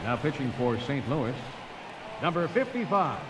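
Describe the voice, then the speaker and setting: An actor playing a formal stadium announcer heard over a PA loudspeaker, drawing out each name slowly with rising emphasis. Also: male voice, mid-range voice, big pitch swings. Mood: announcing. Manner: slow, drawn-out names with rising emphasis. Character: formal male ballpark announcer, booming and measured. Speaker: stadium public address announcer. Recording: PA echo over loud ballpark crowd noise. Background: loud crowd and ballpark ambience.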